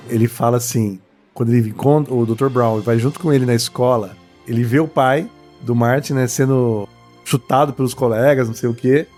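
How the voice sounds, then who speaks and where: Relaxed man reacting in podcast chat. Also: mid-range voice. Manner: relaxed, reacting with short remarks. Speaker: podcast co-host. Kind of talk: casual film chat.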